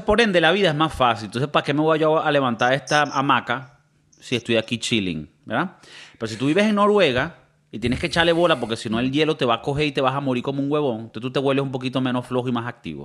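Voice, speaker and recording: A man in his thirties from Venezuela with a Venezuelan Spanish accent blended by years in Miami and Spain, hosting a casual podcast chat as an animated storyteller who swears freely. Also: medium pitch, quick pace. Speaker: podcast host.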